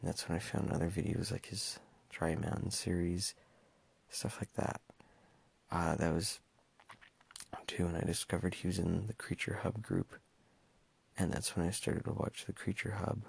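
A man's voice: sits low, fairly even intonation, moderate pace, creaky, husky. A young man talking in a casual personal monologue, hesitant and stumbling over his words with many fillers. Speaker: podcast host.

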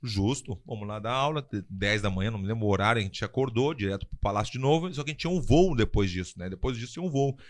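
A man's voice: fairly low pitch, expressive, fast talker, hardly any pauses. A man telling a story in casual podcast chat, acting out quotes and laughing often. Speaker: podcast guest telling a fight-world story.

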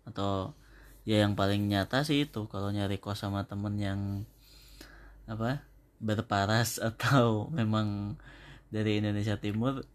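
A young man speaks in a low voice during a relaxed, casual chat. He hesitates often and circles back to find his words, and his tone stays easygoing. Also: unhurried, pauses often. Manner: hesitant, many fillers and restarts.

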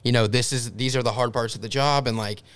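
A man's voice: medium pitch, fairly even intonation, fast talker, fairly bright tone, clean tone, no room sound. A man co-hosting a podcast, chatting casually about a film and filling his sentences with "like.". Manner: casual, heavy use of "like". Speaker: podcast co-host.

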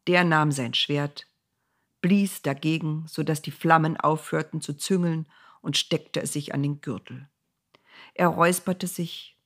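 A woman narrating a Bible story for listeners, expressive and slowing for dramatic moments. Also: deep voice.

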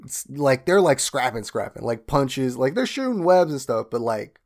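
A young man in casual podcast chat, animatedly retelling a cartoon's plot and jumping into high voices for quoted lines. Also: big pitch swings, normal speed, a little mellow. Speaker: podcast co-host.

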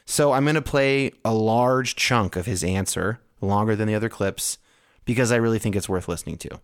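A man's voice: lowish voice, moderate pace. A man hosting a podcast, chatting casually with his co-host and introducing interview clips. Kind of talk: casual co-hosted podcast chat.

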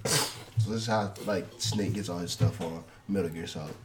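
A man's voice: low-pitched, normal speed. A young man chatting casually, mostly in short reactions to his friends. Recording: distant from mic, very noisy with clicks.

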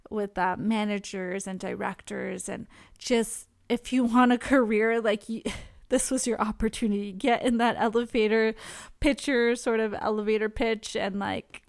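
A woman's voice: medium pitch, dry recording, clean studio sound. A young woman talking casually to camera about her own experience, candid and chatty, often laughing between thoughts. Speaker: vlogger sharing her experience with anxiety. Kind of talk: casual direct-to-camera talk.

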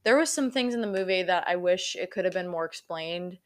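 A woman's voice: lowish voice, lively intonation, fairly quick, slight background noise. A young woman talking casually as a podcast co-host, chatty and rambling with many fillers. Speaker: podcast co-host reviewing a film. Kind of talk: casual chat.

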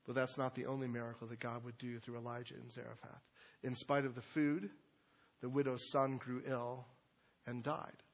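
In a sermon series, a pastor preaches conversationally, wandering into loose asides and using fillers. His voice is medium-pitched with a level tone at normal speed, and the audio sounds dull.

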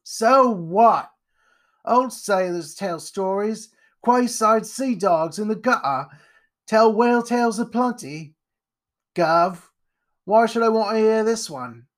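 A man voicing a cheeky young male street newsboy with a quick, saucy manner. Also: high-pitched, expressive.

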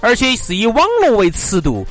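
A woman's voice: mid-range voice, sing-song, moderate pace, faint music behind. A woman with a Sichuan accent, co-hosting a show in casual comic banter. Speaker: co-host.

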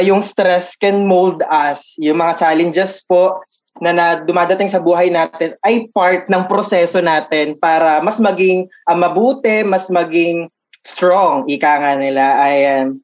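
A woman's voice: on the low side, slow pace, a little mellow, lo-fi sound. A woman co-hosting a talk show, reflecting and agreeing in a mix of Tagalog and English. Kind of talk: casual talk-show chat.

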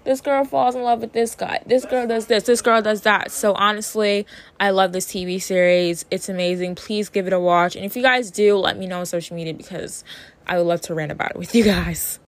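A young woman talks casually to her listeners as a host giving her opinions. Her speech stumbles a little, as her jaw is sore from freshly tightened braces. Her pitch sits in a middle range for a woman. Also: steady tone, fairly quick. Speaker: host of a show recapping and reviewing TV series.

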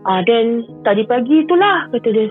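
Her voice fairly high and very animated, a woman calls in and relates a personal story at a moderate pace. She weaves in English phrases and often goes back over the same points, heard through phone-quality sound over soft music.

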